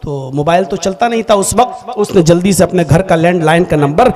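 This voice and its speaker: A man preaching a sermon and telling a story in animated fashion with acted voices. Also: high-pitched, brisk, crowd noise.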